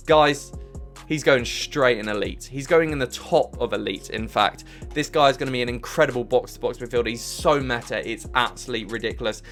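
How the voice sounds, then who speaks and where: A man's voice: medium pitch, a little fast, a bit bright. A young man giving enthusiastic, emphatic commentary as a gaming YouTuber ranking cards on a tier list. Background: faint background music.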